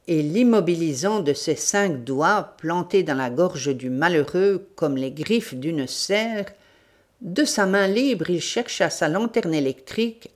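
Slow, low-voiced woman narrator. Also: darkish tone. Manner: measured, dramatic storytelling. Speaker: audiobook reader. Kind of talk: scripted narration.

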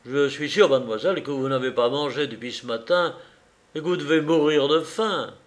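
A man voicing a charming, playful gentleman thief in an audiobook reading. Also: on the high side, brisk, close to an everyday voice. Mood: gallant. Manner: gallant, playful.

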